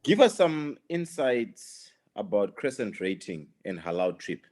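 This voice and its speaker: Low-voiced male podcast host. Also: sing-song, unhurried, a little mellow. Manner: formal, polite, upbeat. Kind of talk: scripted host introduction and questions.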